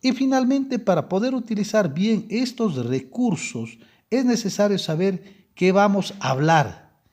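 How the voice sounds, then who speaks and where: A man's voice: high-pitched, a little mellow. A young adult man teaching a language class, explaining step by step and often checking in with his students. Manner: frequent self-corrections and restarts. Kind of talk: classroom lecture.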